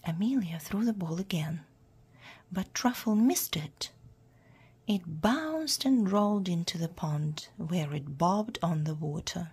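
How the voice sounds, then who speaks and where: A woman reading a children's storybook aloud in a hushed, half-whispered way. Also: fairly low pitch, lively intonation, takes it slowly, slightly rough. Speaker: storyteller for English learners.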